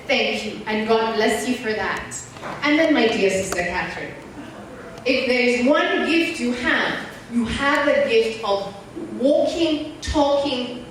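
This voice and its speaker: This high-voiced woman, a mentor and guest speaker born in Nairobi, Kenya and partly raised abroad, delivers a motivational talk to youth in a church. She tells her stories casually and speaks right to her audience. The large indoor space makes the recording very echoey, with a far-off mic and a little background noise.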